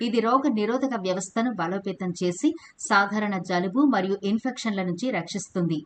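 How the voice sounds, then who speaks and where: A woman hosting a home remedy channel, reading a steady scripted explanation and addressing viewers as friends. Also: medium pitch, a little fast, slight background noise. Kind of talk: scripted voice-over narration.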